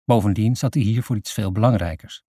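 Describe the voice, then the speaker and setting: A man reading a children's novel aloud as narrator, in a steady storytelling manner. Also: lowish voice, fairly quick, breathy edge, no echo, clean studio sound. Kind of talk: scripted audiobook narration.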